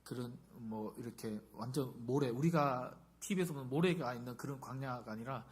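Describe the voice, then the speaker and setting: A man's voice: medium pitch, normal speed. A middle-aged male pastor giving a conversational sermon and often putting questions to the congregation.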